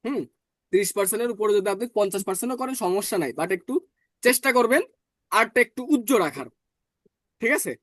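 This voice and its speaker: Man, language teacher, fairly high voice, patient and repetitive, dry close sound. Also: lively intonation, fairly bright tone, no echo. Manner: explains patiently, repeats words slowly, checks with "clear?". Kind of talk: online class teaching.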